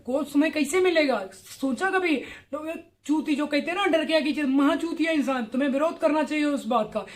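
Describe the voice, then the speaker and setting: A woman with a high voice delivers a motivational monologue on breakups. She is blunt and crude, piling up rhetorical questions as she scolds and mocks her listener. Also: a little fast.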